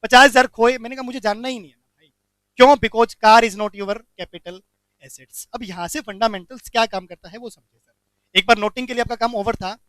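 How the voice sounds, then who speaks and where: A man teaching a commerce lecture, animated, asking the class questions and answering them himself. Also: very high-pitched, moderate pace, dry recording.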